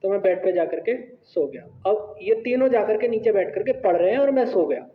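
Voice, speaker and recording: A male teacher telling a personal story to his class in an animated, conversational way. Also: high-pitched, moderate pace. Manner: animated, conversational, asks "right?". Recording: echoey hall, tinny phone-like sound.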